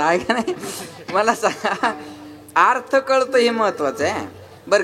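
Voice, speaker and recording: A man's voice: sits high, a bit bright, a little hiss or hum. A man preaching a devotional sermon with sung verses, joking and calling on the audience to answer him. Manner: jokey, keeps asking the audience to answer back. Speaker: kirtan preacher.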